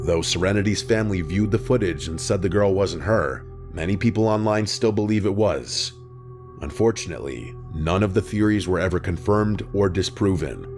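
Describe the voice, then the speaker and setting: A man reading a scripted true-crime narration in an even, measured way, close to the mic. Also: deep voice. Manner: even, measured storytelling delivery. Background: music bed.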